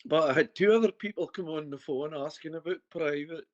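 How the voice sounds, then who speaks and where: Scottish man with a broad accent, higher-pitched. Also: a little fast, dry recording. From Scotland. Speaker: spirit medium giving a private reading. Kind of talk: casual chatty one-to-one consultation. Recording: dull, muffled lo-fi sound.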